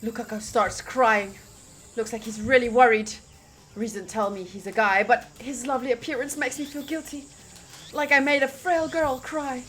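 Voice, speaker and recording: Here a young woman streamer voices visual novel narration with a slightly high pitch at a moderate pace, lively and informal with casual side remarks. A little hiss or hum sits under the audio.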